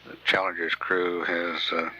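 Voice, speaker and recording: A man giving live mission control commentary in a halting, measured way, often pausing mid-sentence. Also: deep voice, level tone, pushed and bright, slightly rough, highs cut off. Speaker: mission control public affairs announcer. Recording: faint radio hiss.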